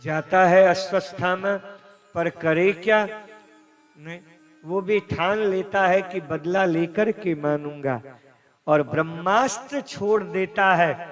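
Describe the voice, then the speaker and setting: A male preacher telling a devotional scripture story at a live religious gathering, with dramatic, emotive delivery and long pauses. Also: sits high. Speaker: katha preacher. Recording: long hall reverb with faint instrumental music.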